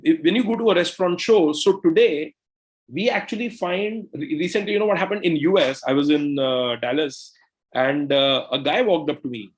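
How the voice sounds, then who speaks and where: A man from India speaking as a guest in a podcast interview. His voice is a little higher than most men's, and he talks in lively, quick bursts, checking in often with "right?" and "you know" as he tells business stories. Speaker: co-founder and CEO, podcast guest. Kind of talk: conversational interview storytelling.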